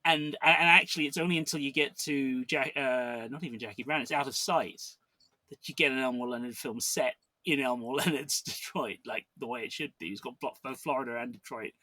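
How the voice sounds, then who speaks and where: A man's voice: mid-range voice, fairly quick, bright, forceful tone, no room sound. A man co-hosting a podcast, talking casually about a film with frequent restarts and fillers. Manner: rambling, many restarts and fillers. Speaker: podcast co-host.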